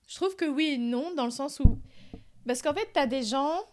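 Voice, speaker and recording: A woman co-hosting a podcast in casual chat, animated, with frequent laughs and restarts. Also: high-pitched, normal speed. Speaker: podcast co-host.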